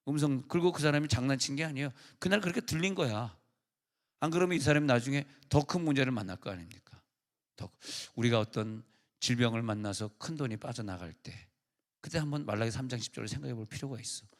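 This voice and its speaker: Male pastor, sermon at a church prayer service, easygoing storytelling delivery, mid-pitched voice. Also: fast talker. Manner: conversational preaching with anecdotes and acted quotes.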